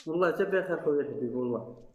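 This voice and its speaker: A man's voice: on the high side, lively intonation, rapid-fire, a little mellow, echoey room, muffled recording. A man in his late thirties with a Moroccan accent, calling into a live stream, affectionate and pleading. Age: 30s. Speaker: caller.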